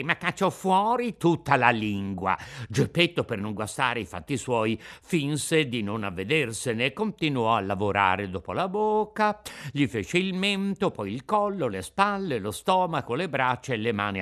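Lively storytelling man. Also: a little high. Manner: expressive storytelling, voice rising and falling. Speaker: narrator. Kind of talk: scripted narration. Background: faint music.

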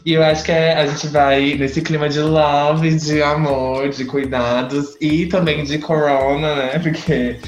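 A man's voice: a little high, little pitch movement, a little slow, hardly any pauses. A Brazilian man hosting a casual podcast chat, talking in a slangy, effusive way. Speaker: podcast host. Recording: roomy echo, faint music behind.

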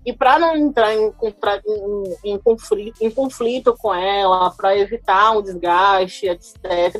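On a podcast, a lawyer in her thirties from Salvador, Bahia, Brazil, shares her personal story as a guest, thoughtful and hesitant, with many fillers and restarts. Her voice is mid-range, and the low-quality recording has no room sound.

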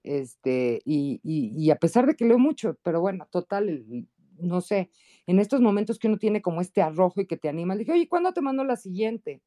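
At a moderate pace, a woman with a Mexican accent shares anecdotes as a guest and columnist on a casual podcast. She stays lively throughout, often slipping into high voices for quotations.

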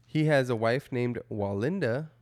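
Podcast co-host, casual chat, crude teasing banter, middle pitch. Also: unhurried, a little mellow.

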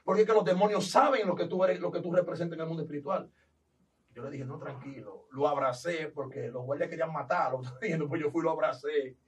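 This fast-talking man with a fairly high pitch is a pastor from the Dominican Republic, speaking Spanish with a Dominican accent. He recounts his testimony with lots of energy and performs the quoted voices himself. He sits far from the mic, and the audio quality is poor.

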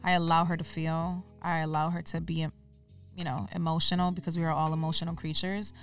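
A woman with a deep voice speaks flatly and briskly as an interview guest on a casual podcast, recorded from a distant mic with faint music behind. She talks earnestly, filling her speech with "like" and "um".

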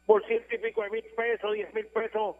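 A man's voice: high-pitched, flat delivery, brisk, slight background noise. A man with a Puerto Rican accent calling in to a radio show, ranting insistently about his opinions. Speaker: radio caller. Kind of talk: phone-in opinion. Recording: tinny phone line.

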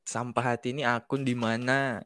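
A man appearing as a guest on a casual podcast, talking about his online writing in a relaxed, easygoing way. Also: medium pitch, moderate pace, no room sound. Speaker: podcast guest, content creator.

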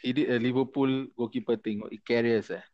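A man's voice: medium pitch, fairly even intonation, brisk, dry recording, dull audio. A man with a Singaporean accent chatting casually in Singlish mixed with Malay, recapping a football match as a podcast co-host. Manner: Singlish, code-switching between English and Malay.

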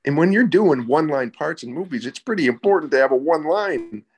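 A man's voice: fairly high pitch, animated, a little fast, a little mellow. A man, an actor guest, telling stories in casual chat, repeating words as he searches for them.

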